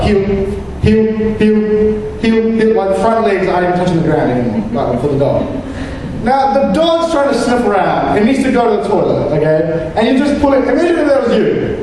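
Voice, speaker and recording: Young guy from new zealand doing stand-up, rambly and halting, sounds a bit far from the mic in a big echoey room. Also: high voice, darkish tone, a little hiss or hum. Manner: rambling, hesitant, with many restarts and "like". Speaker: stand-up comedian. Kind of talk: stand-up comedy set. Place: comedy venue stage. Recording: echoey hall, mic picked up from a distance.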